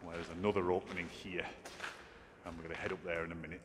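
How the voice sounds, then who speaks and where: A deep-voiced middle-aged man talks fast in a level tone, giving relaxed, chatty commentary for a walking vlog. He works as a vlogger and hiking guide and is out on trails and inside a cave. There is outdoor ambience and noise in the recording.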